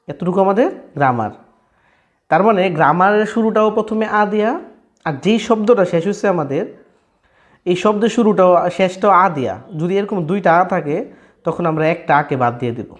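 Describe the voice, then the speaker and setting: A man teaching a casual spoken lesson, repeating and rephrasing each step and often asking his listeners whether it is clear. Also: fairly high pitch. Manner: checks in often with "clear, brother?". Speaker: language teacher.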